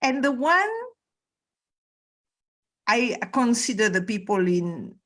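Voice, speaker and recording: A woman's voice: a little high, expressive, slow, fairly bright tone. A woman spiritual teacher talking earnestly on a video call, stressing points by repeating words. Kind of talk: conversational interview on a call.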